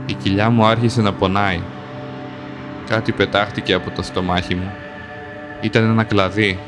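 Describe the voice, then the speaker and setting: A man reading a dark first-person fantasy tale in a calm, measured way, in short plain sentences. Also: lowish voice. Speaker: storyteller. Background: music.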